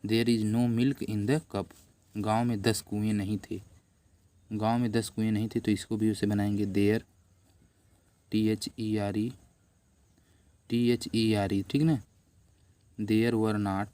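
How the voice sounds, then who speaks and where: Casting note: middle-aged male tutor, low steady voice, patient, spells words out letter by letter for students to write down. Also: slow pace, long pauses, dry recording. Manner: addresses viewers as friends, patient. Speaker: English teacher. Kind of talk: classroom-style lesson, slow dictation. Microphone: camera on a notebook while writing.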